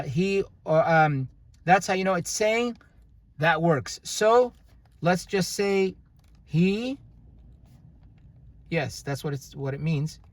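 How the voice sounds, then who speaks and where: A man's voice: high voice, no room sound. A young man teaching a casual grammar lesson, explaining unhurriedly with frequent fillers and restarts. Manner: unhurried, halting, with many fillers. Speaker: language teacher.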